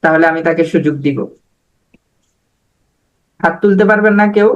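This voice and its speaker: A man's voice: a little high, moderate pace, lo-fi sound. A man teaching an online spoken English class over a video call, patiently drilling letters and words.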